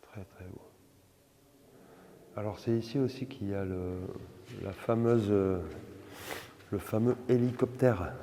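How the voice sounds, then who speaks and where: Hushed man with cathedral-like echo. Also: lowish voice, a little hiss or hum. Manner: hushed, awed remarks, often trailing off. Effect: long echoing reverb, like a vast stone hall. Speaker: vlogger touring an ancient temple. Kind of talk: casual spoken tour commentary. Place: large indoor stone chamber. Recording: long echo in a stone chamber.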